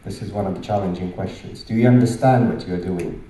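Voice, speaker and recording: A middle-aged Latvian man with a Latvian accent gives a fast conference presentation in a deep, mellow voice, using emphatic short phrases and rhetorical questions. He speaks into a handheld microphone in a large indoor conference hall. The recording sounds distant and very echoey.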